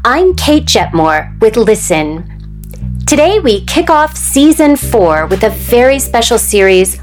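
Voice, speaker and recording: A woman hosting a studio interview, reading a measured introduction and then asking questions with soft affirming murmurs. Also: mid-range voice. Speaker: podcast host.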